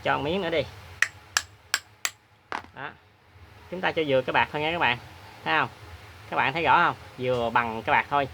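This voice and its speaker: A man hosts a hands-on repair demonstration, talking in a chatty, plain-spoken way with many filler pauses. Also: medium pitch, creaky, bright, forceful tone, a little hiss or hum. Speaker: repair tutorial host.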